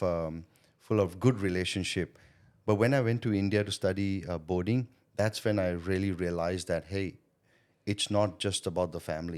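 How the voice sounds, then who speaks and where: Low and a little mellow, this man's voice belongs to a middle-aged sales consultant from Thailand. As a podcast guest he shares his story conversationally and thoughtfully, peppering it with "you know" and "right?".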